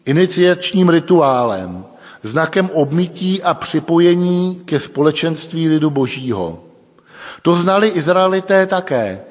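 A man preaching a sermon in a church, with a measured, deliberate delivery and emphatic pauses. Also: on the high side. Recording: long reverb, dull lo-fi sound.

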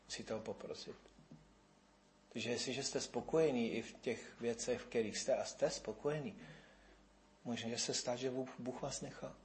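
A man preaches a lively sermon. He drops to a hush, then rises again, and acts out the voices of the people he quotes. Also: medium pitch, slight background noise. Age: 50s.

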